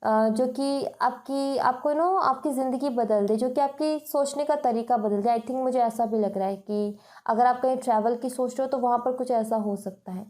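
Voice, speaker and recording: A woman's voice: fairly high pitch, moderate pace, a little mellow. A woman giving a reassuring tarot reading, mixing English phrases into her talk. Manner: mixes English phrases into Hindi, says "you know" and "thik hai" often; reassuring, advising. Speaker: tarot reader.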